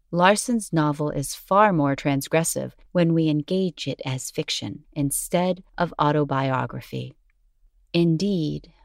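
An educational script is read by a woman with a low-pitched voice, measured and articulate in delivery. The audio is dry, carrying very little room.

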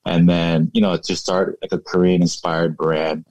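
Deep, flat-voiced man in his thirties. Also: moderate pace, no room sound, low-quality recording. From United States. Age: 30s. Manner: relaxed, reflective, many fillers like "you know". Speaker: guest, fashion entrepreneur. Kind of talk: casual interview.

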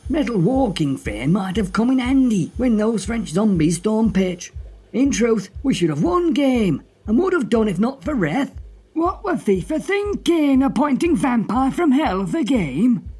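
A man's voice: extremely high pitch, very animated, measured pace, a little mellow, breathy edge, full character voice. A man playing a jovial, grumbling Northern English radio host with a folksy, droll manner in a comedy show. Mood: mock-earnest ranting. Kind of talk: comic radio monologue and phone-in.

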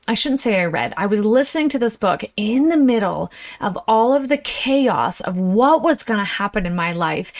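A woman with a fairly high voice hosts a motivational podcast from inside an RV. She takes her time, yet sounds animated and exclamatory. Her style is casual and chatty, addressing listeners in a folksy way. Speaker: podcast host. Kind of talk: enthusiastic casual motivational monologue.

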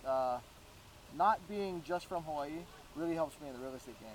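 This Florida man, a real estate agent, is a guest on an informal podcast, animatedly recounting stories and imitating the people involved. His fairly quick, highish voice comes through a low-quality recording with a little hiss or hum.

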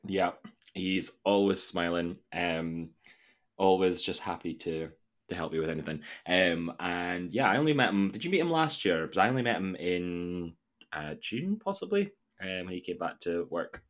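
A man chatting casually as a podcast co-host, speaking hesitantly with frequent pauses. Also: low-pitched, lively intonation. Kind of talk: casual chat.

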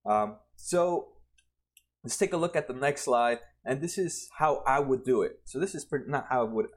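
This personal finance explainer, a man in his twenties, talks casually about retirement funds while presenting slides. He restarts many sentences and tags lines with "right?", speaking at a moderate pace in a medium-pitched voice.

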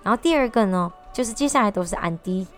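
A woman telling a personal story to camera in a casual, animated way, often restarting and repeating words. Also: medium pitch, fast, faint music behind. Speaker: vlogger.

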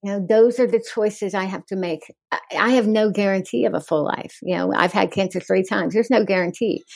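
A woman's voice: medium pitch, vocal fry, dry recording. Frank, wry woman guest, dry mic. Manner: frank, wry humor, laughs easily. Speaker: guest author. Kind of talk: candid podcast interview.

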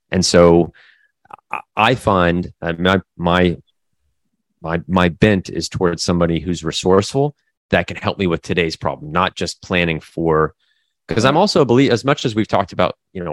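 A man from the American Midwest, talking casually as an interview guest, halting with many fillers and restarts. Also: sits low, no room sound. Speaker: guest business owner.

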